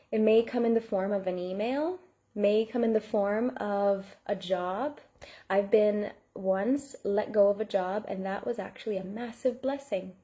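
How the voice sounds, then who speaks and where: Earnest woman coach with a mellow voice. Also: mid-range voice, vocal fry. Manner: earnest, heartfelt, speaks to chat viewers by name. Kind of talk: live online masterclass talk.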